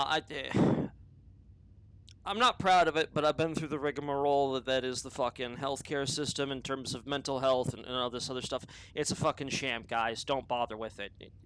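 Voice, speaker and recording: Rough recording aside, this man's voice is a little high, with a fairly bright, clean tone. Hosting an unscripted opinion podcast, he rambles and curses, breaking off to restart and wandering onto tangents.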